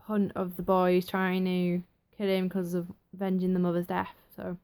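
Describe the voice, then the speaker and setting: Young woman, casual reviewer, chatty and excitable. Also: fairly low pitch, normal speed. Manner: chatty, excitable, acts out quotes. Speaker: TV episode reviewer.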